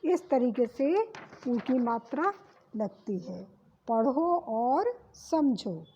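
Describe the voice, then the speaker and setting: A woman with a high voice teaches small children, sounding out each word slowly and saying it twice. She asks questions and answers them herself in a patient classroom manner. The recording is dull and lo-fi. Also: sing-song, dark tone, slightly rough. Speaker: kindergarten Hindi teacher.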